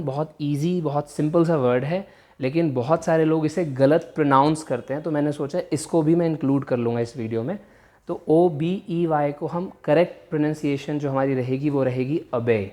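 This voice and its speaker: A man's voice: on the high side, warm tone. A man teaching vocabulary, explaining patiently and repeating each word carefully. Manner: explains slowly, repeats words carefully, switches between Hindi and English. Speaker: English teacher. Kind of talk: bilingual vocabulary lesson.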